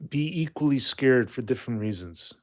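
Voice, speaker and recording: A Canadian livestream host in his forties rambles loosely through a casual chat, reading viewer comments aloud and reacting bluntly. His voice is mid-range and expressive at a moderate pace.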